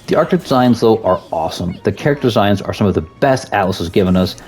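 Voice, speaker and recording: Lively man reviewing a video game. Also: lowish voice, quick pace. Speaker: parent co-reviewing a game with his son.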